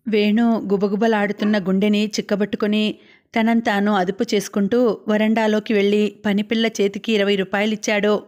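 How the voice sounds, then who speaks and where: A woman's voice: medium pitch, level tone, moderate pace, darkish tone. A woman reading a novel aloud as an audiobook narrator, telling the story steadily.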